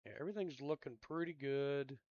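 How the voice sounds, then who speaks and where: Easygoing male gameplay commentator, mid-pitched, rambling, dry close sound. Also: brisk, no echo, dull audio. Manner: rambling, thinks out loud with trailing-off asides; laid-back and drowsy, yawns. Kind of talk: casual game commentary.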